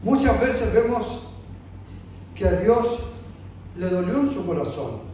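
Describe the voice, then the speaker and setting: A man's voice: high voice, animated, slow. A man preaching a sermon in a pleading, emphatic way, recorded from a distance in a room. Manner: emphatic, pleading, acts out God calling softly. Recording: echoey church room from far off, faint noise.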